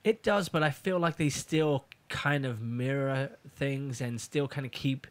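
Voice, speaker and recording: A man's voice: mid-range voice, measured pace. A man co-hosting a TV review podcast in casual chat, easygoing and joking. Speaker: podcast co-host.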